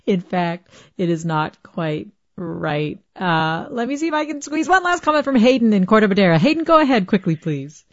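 A woman hosting a radio talk show, brisk and polite as she takes calls. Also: mid-range voice, very animated, lo-fi sound. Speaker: radio host.

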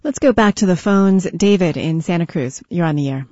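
Smooth woman radio host, mellow and close on a dry studio mic, on slightly dull broadcast audio. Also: on the low side, moderate pace, dry recording. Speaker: radio call-in show host. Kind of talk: smooth radio hosting, taking calls and guiding a panel.

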